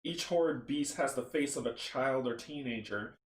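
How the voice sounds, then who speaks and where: A man casually chatting and reading a horror board game story aloud, relaxed and rambling. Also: mid-range voice, moderate pace, a little hiss or hum. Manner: relaxed, rambling, laughs at own slips. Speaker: tabletop game player and narrator. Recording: roomy echo.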